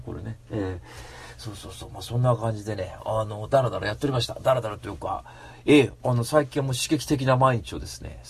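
A man hosting a radio show in a casual rambling monologue, slangy and animated, breaking into mock-angry rants. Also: medium pitch, husky.

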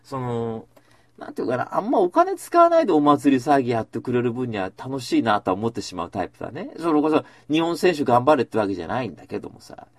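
Brief: male host, husky voice, very lively pitch, rambling storyteller in casual chat. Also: quick pace, no echo. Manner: rambling storytelling with asides, acting out quotes.

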